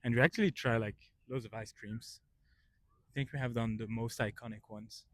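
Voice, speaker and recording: In a casual vlog chat with faint guitar music in the background, a man with a medium-pitched, steady, slightly bright voice talks at normal speed. He shares his opinions informally, in a mock-earnest way.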